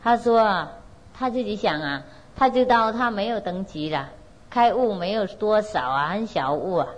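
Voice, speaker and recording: A woman's voice: mid-range voice, animated, moderate pace, lo-fi sound. A woman spiritual teacher telling a Zen story to an audience in a loose, conversational way, with many fillers, laughs, and direct questions to her listeners. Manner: asks listeners directly to check they follow.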